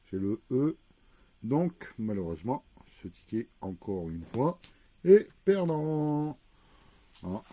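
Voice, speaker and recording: Slow, dark-voiced man spelling letters. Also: fairly low pitch, no echo. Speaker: scratch-card vlogger. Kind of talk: casual commentary while scratching tickets.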